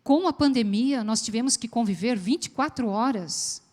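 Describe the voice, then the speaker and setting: A Brazilian woman speaks to a congregation with a southern accent and a fairly high voice. She keeps the talk lively by asking questions of her listeners. Her voice rings with the long echo of a large church hall. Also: moderate pace. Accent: Brazilian Portuguese, southern. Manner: lively, asks the audience questions.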